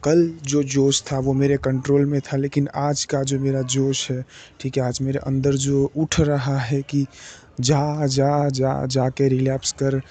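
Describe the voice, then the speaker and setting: A young man talking slowly and deliberately in a personal diary vlog, pausing often with fillers. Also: medium pitch, completely flat delivery, dark tone. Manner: slow, deliberate, hesitant with many fillers. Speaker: vlogger.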